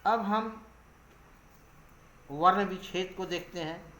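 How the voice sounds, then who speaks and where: A man teaching a Hindi grammar lesson, explaining slowly and spelling out letters and example words one by one. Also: high voice, bright, forceful tone.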